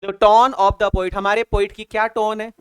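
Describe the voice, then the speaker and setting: A man's voice: high voice, level tone, measured pace, clear, resonant tone, no room sound. A man with an Indian English accent teaching an exam-prep lesson, repeating key answers over and over and calling students brother and child. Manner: repetitive drilling, calls students "bhaiya" and "beta".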